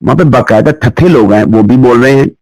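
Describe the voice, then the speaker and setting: A man's voice: medium pitch, quick pace, a little mellow, no room sound, rough recording. A man from Pakistan hosting a radio sports program, interviewing a guest politely and formally. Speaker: radio sports show host.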